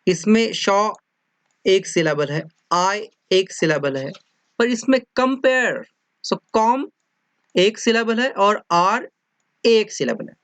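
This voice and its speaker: Teacher, unhurried lecture, dry close sound, keeps checking understanding. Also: mid-range voice, lively intonation, fairly bright tone, no echo. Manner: repeats and checks understanding often. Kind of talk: classroom lecture mixing Hindi and English.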